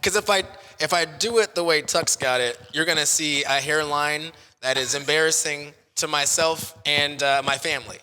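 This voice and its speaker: Long reverb surrounds an American man with a bright, forceful, fairly high voice. He talks casually as an interview guest, with an effusive, self-deprecating manner, like a stadium hype man off duty. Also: moderate pace, hardly any pauses, smooth. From Kansas City, United States. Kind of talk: casual chat.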